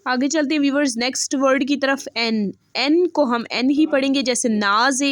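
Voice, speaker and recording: A woman teaching an online language lesson, repeating each example word slowly and checking in with her viewers again and again. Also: sits high. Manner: repeats words slowly and says "ठीक है" often.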